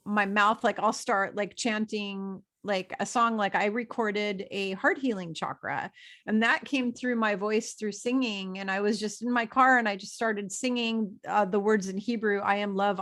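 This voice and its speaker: With a mid-range, slightly bright voice, a woman chats enthusiastically about her spiritual work, rambling as she goes. It's a casual video interview, and she's the guest.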